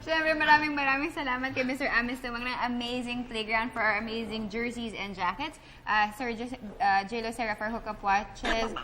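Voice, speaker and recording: A woman's voice: on the high side, fairly even intonation, moderate pace, hardly any pauses, bright, forceful tone, a little hiss or hum. A woman co-hosting a sports talk show, greeting callers politely and thanking sponsors. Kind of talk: casual studio chat. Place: TV studio.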